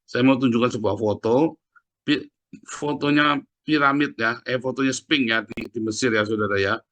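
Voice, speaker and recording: A middle-aged man preaching a sermon, often adding "Saudara ya" and dropping from loud peaks to quiet asides. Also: normal speed. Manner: conversational preaching, often tagging phrases with "Saudara ya"; swings from loud emphatic peaks to low asides.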